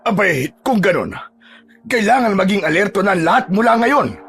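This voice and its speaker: A man voicing a gruff middle-aged village chief who questions sharply and warns of danger. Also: high voice, big pitch swings, normal speed, fairly bright tone, soft background music, voice pushed up, heavily acted. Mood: grave. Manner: brusque, questioning, cautioning.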